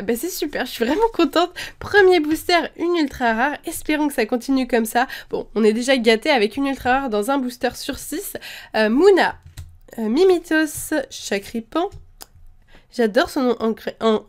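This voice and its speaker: A woman talks her way through an unboxing in a high, light voice. She chats casually and thinks aloud, often stopping to restart a sentence or fill a pause. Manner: chatty, thinks aloud with many fillers and restarts. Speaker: YouTuber opening trading card packs.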